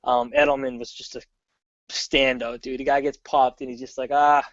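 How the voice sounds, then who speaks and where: A man chatting casually as a guest, an excitable fan who rambles and restarts often, heard over a dull remote call. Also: mid-range voice, moderate pace, no room sound. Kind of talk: casual sports chat.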